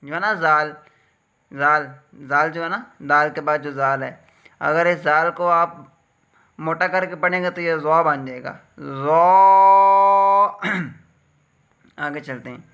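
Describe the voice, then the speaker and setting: A Pakistani man with an Urdu accent patiently teaches Quran letter reading step by step, drawing out each letter's sound. His voice is slightly high and clean, delivered slowly with long pauses, though the recording is muffled.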